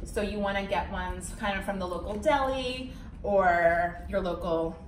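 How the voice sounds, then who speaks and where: A woman cooking as a guest, chatting in a bubbly, excitable way while she walks through a recipe. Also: medium pitch, measured pace. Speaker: guest cook. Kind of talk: casual cooking demo. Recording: echoey room, distant mic, background noise.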